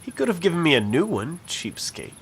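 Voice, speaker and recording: A man's voice: on the high side, big pitch swings, quick pace, slightly rough, exaggerated voice. A man voicing a wry young male detective in a game, full of dry, sarcastic asides. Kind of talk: game voice acting.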